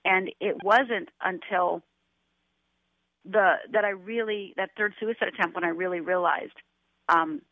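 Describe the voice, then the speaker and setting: A woman's voice: medium pitch, expressive, unhurried, no echo. Middle-aged woman on a tinny phone line. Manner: earnest, emotional, voice rises when quoting herself. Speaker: guest, life coach. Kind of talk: radio interview, personal story. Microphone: telephone.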